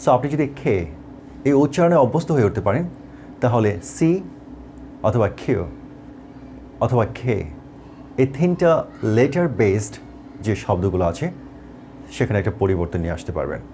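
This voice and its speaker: A man with a Bangladeshi accent teaching English pronunciation, explaining slowly and repeating example words and sounds. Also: lowish voice, animated, dark tone, slight background noise. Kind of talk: tutorial lesson.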